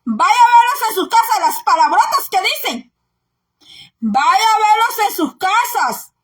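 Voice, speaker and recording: Woman preacher, very high voice, bright forceful tone, scolding and emphatic, repeats herself. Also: very animated, unhurried. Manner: emphatic, scolding, often raises her voice. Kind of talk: exhorting sermon.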